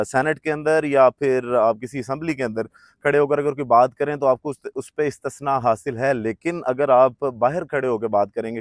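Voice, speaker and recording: A man comments on politics at his own loose pace, often pausing on a drawn-out filler before going on. His voice sits in an ordinary middle register. The recording is close and dry, with no room sound. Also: medium pitch, dry recording. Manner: conversational, hesitant with frequent filler sounds.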